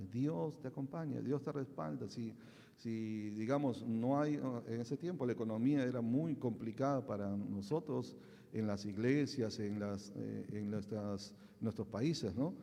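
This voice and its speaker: A man's voice: mid-range voice, gravelly, mellow, in a large hall. A male pastor preaching a sermon, telling a personal story in a conversational way, acting out dialogue and adding little tag questions.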